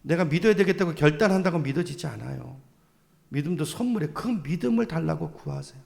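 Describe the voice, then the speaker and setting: High-pitched pastor preaching in an echoing church. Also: male voice, lively intonation, a little fast, creaky, darkish tone. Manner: asks the congregation repeated questions, emphatic exhortation. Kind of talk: sermon. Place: church sanctuary. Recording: long church hall reverb.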